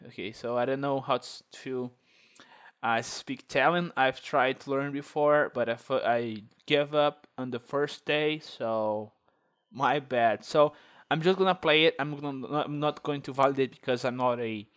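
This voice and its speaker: With a clean, fairly bright medium-pitched voice at a moderate pace, a Brazilian man hosts a tech tutorial over a screen recording. He speaks Portuguese-accented English, his first language being Portuguese, and thinks aloud with lots of fillers.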